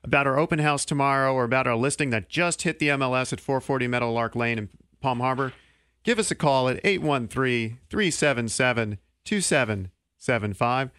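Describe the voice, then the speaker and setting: A man in his thirties hosting a local radio talk show in a small studio, speaking into a studio mic with quick, joking delivery. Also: mid-range voice, a bit bright, smooth, no echo. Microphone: studio mic on boom arm.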